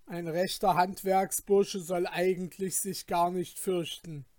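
A man's voice: high-pitched, steady tone, takes it slowly, a little mellow, no room sound. Cocky journeyman teasing his buddy, man voicing him, dry storybook read. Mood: dismissive. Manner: teasing, dismissive, jovial. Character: carefree, mocking male journeyman craftsman.

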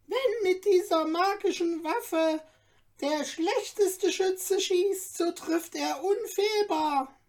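A woman voicing a tiny, courteous and excitable male dwarf guide in a storybook reading, speaking in an ornate, eager way. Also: slow pace, full character voice. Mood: proud, explaining. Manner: ornate, polite, squeaky and eager.

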